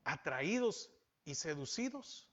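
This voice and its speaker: A man's voice: a little high, very animated, slow pace. A male pastor teaching a Bible sermon, asking rhetorical questions and repeating key phrases. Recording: dull lo-fi sound.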